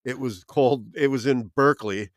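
A man's voice: mid-range voice, normal speed, no echo, studio quality. New Jersey man in rambling chat. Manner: rambling storyteller, reels off long lists. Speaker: podcast co-host. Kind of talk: casual chat.

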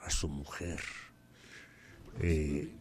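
A man's voice: very deep voice, little pitch movement, drawn-out words, darkish tone, slight background noise. A man with a Mexican accent, a podcast host telling a spooky story live in a slangy, playful, digressive way.

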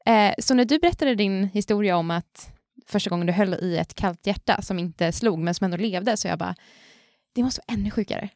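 A woman's voice: medium pitch, a little mellow, dry recording, clean studio sound. A woman, a medical student co-hosting a podcast, telling a story in casual chat.

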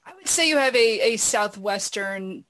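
A woman's voice: mid-range voice, lively intonation, moderate pace, a bit bright. A woman chatting casually and discursively, often padding her thoughts with "you know". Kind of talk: casual chat.

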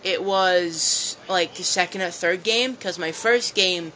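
A man's voice: high voice, slow, pushed and bright, a little hiss or hum, rough recording. A young man telling stories in a casual chat, laughing often and swearing freely as he retells them. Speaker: podcast guest.

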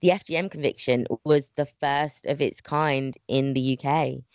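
A woman's voice: a bass voice, fairly even intonation, moderate pace, a little mellow, no room sound. A woman co-hosting a true crime podcast in casual chat, swearing freely and laughing often. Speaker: podcast co-host.

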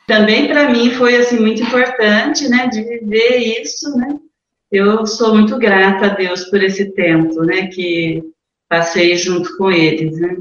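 A woman, a nun as an interview guest, speaking hesitantly with many fillers and pauses. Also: mid-range voice, fairly even intonation, slight background noise. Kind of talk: radio interview answer. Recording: echoey, slightly muffled room.

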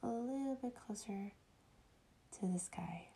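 A woman leading a guided meditation in a soft, breathy, often whispery voice, soothing and hushed like at a spa, with long pauses. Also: mid-range voice, slight background noise.

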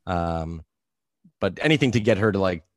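A man from New Brunswick, Canada, hosting a podcast in a relaxed, rambling chat over a video call, with lots of fillers. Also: low-pitched, normal speed, dry recording, clean studio sound. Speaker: podcast host.

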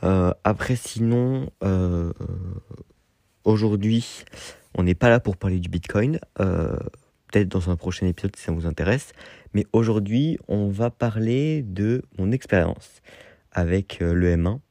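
Young male podcast host, low mellow voice, hesitant and rambling, dry close recording. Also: unhurried, no echo. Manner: hesitant, many fillers and restarts. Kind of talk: casual solo podcast talk.

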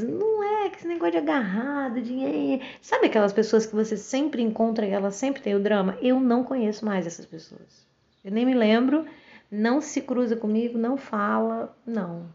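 This Brazilian vlogger, a woman in her forties with a Brazilian Portuguese accent, has a slightly high, gravelly, somewhat mellow voice, captured on a muffled recording. Talking casually to camera, she's blunt and outspoken, slipping into other people's voices when she quotes them.

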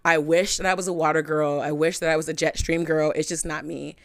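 A young woman hosting a podcast, telling a candid personal story in a frank, chatty way, full of "like" and animated swings in pitch. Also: a little fast, no echo, studio quality. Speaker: podcast host.

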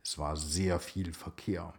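A man narrating a children's story in a slow, expressive way. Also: sits low.

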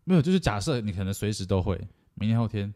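A man's voice: fairly low pitch, animated, quick pace, mellow. A man co-hosting a casual podcast chat, reasoning through his points in logical steps. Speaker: podcast co-host.

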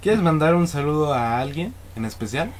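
A man's voice: on the high side, animated, normal speed. A man with a Mexican accent hosting a casual show, joking and teasing his guest in informal slang. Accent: Mexican Spanish. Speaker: podcast host. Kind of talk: casual chat.

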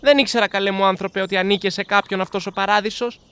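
A woman voicing a shy, honest male hare, a father, in a storybook reading, earnest and soft-spoken. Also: medium pitch, steady tone, clean tone, no echo, close to an everyday voice. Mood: puzzled, sincere. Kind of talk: storybook character voice.

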